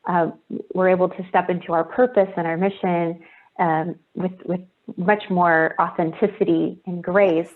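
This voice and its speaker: A woman's voice: lowish voice, level tone, normal speed. A woman hosts an online interview series from a video call, and her voice comes through thin and phone-like. She talks in an effusive, complimentary way, with plenty of praise for her guest. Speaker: host. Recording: phone-like narrow sound.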